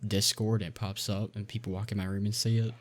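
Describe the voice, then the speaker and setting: A young YouTuber and podcast co-host chats casually, sounding earnest and encouraging. His voice is lowish and fairly flat in pitch, a little fast, and he hesitates with ums as he goes.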